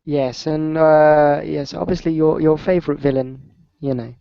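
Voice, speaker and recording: A man co-hosting a fan podcast, steering the talk in a measured way with hesitant fillers. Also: on the high side, steady tone, vocal fry, clear, resonant tone, no room sound. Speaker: podcast co-host. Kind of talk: casual fan chat. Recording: dull lo-fi dry recording.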